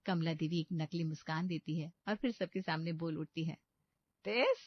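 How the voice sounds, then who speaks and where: A woman giving scripted storybook narration for a cartoon in an even, plain manner. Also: low-pitched, a little fast, no echo. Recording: dull, dry lo-fi voice-over.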